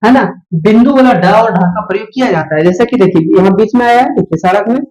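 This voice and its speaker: A woman's voice: medium pitch, expressive, fast talker, roomy sound, a crowd in the background, rough recording. A woman teaching children the alphabet, patiently explaining and checking in with little questions as she goes. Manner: patient, repeats "है ना" and asks questions to pupils. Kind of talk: explaining Hindi alphabet lesson.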